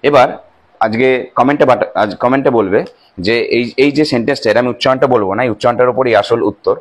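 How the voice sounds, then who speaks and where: A man's voice: medium pitch, quick pace. Bengali man teaching English grammar. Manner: asks questions and answers them himself, repeats key phrases. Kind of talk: explaining lesson to students.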